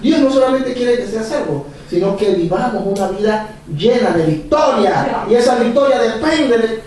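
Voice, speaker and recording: A male pastor preaching a sermon, animated and repetitive, chuckling as he speaks. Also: very high-pitched, normal speed. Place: church hall. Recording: echoey church from far off.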